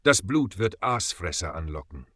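A man voicing a grim, practical woman mercenary, speaking in a low murmur. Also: big pitch swings, moderate pace, a bit bright, husky, dry recording, clean studio sound, heavily acted.

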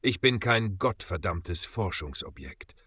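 A man voicing an impulsive, hotheaded young male mercenary who curses loudly. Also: deep voice, lively intonation, measured pace, breathy edge, no room sound, clean studio sound, full character voice. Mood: furious. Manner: loud, cursing, shouts in pain.

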